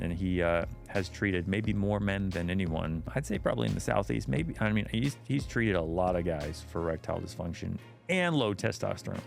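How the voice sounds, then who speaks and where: A middle-aged man hosting a podcast, telling stories in a casual, animated way with lots of fillers and restarts. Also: fairly low pitch, gravelly. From United States. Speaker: podcast host and men's health clinician. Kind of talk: casual monologue.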